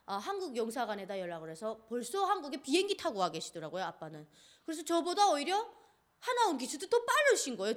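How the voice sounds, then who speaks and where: A woman from North Korea giving an earnest personal testimony, telling her story vividly with many fillers. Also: fairly high pitch.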